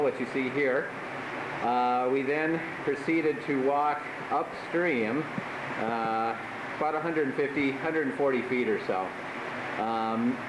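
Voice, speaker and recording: A man guiding an underground tunnel trip, speaking haltingly with many fillers, his voice echoing in a cave. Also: mid-range voice. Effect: cave echo. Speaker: urban explorer guiding a tour. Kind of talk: casual narration of an underground trip. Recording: echoey cave with loud background noise. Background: running water.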